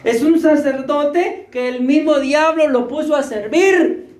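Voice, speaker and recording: A man's voice: extremely high pitch, measured pace, darkish tone, roomy sound. A man preaching a sermon, joking and questioning his congregation, short of breath. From Costa Rica. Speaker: pastor. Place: church hall.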